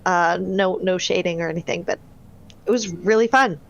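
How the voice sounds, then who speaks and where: A woman's voice: on the low side, normal speed, gravelly, lo-fi sound, slight background noise. A woman in the cast chatting modestly over an online call, with frequent fillers. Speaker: voice actor and illustrator in the cast. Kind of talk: casual chat. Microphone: online voice chat.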